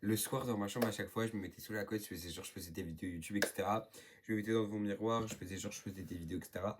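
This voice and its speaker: A man's voice: fairly low pitch, a little mellow, slight background noise. A teenage boy from northern France answering viewer questions in a casual, rambling vlog, full of fillers. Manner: chatty, rambling, lots of fillers. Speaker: YouTuber.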